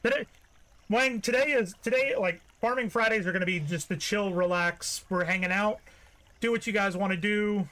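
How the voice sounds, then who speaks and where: Bright-voiced male game streamer. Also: high-pitched, moderate pace. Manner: chatty, talks to the live chat. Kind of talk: casual gameplay commentary.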